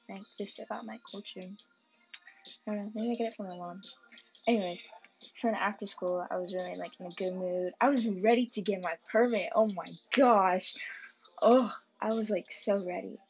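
A woman's voice: mid-range voice, moderate pace, a little mellow, muffled recording. A teenage girl casually recapping her weekend in a rambling vlog, full of likes and ums. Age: teens. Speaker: student vlogger.

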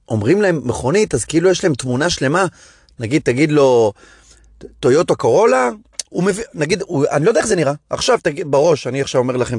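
A man, a stand-up comedian hosting his podcast, talking in a rambling, animated casual monologue with many restarts. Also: a little high, slightly rough, no echo, studio quality.

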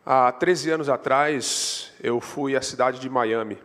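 Brazilian pastor preaching in a reverberant church. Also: male voice, slow pace, fairly bright tone. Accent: Brazilian Portuguese. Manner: storytelling, rising in pitch and force when stressing a point. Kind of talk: sermon. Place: church sanctuary. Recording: long hall reverb.

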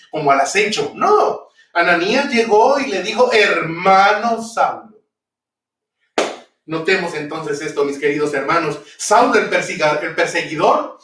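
A man's voice: a little high, fairly bright tone. A man preaching a sermon, speaking emphatically and asking rhetorical questions that he answers himself. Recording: echoey room from far off.

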